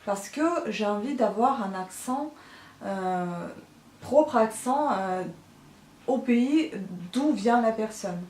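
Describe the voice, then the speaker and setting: A woman's voice: a little high, animated, takes it slowly, a little mellow, far from the mic. A woman vlogger talking in a casual, hesitant monologue, full of filler sounds and frustrated complaints. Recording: roomy sound, voice from the mic.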